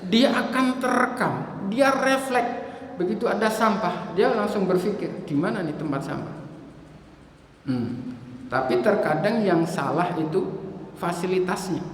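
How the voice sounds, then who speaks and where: Lively preacher man in an echoey mosque. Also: high voice, a little slow, a little hiss or hum. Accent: Indonesian. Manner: lively storytelling, acting out parents and children. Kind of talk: mosque study sermon. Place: mosque hall. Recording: echoey hall reverb.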